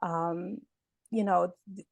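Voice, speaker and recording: A woman's voice: lowish voice, steady tone, slow, creaky, dry recording. A woman born in Haiti and raised in Canada, a personal development speaker answering interview questions in a reflective, hesitant way.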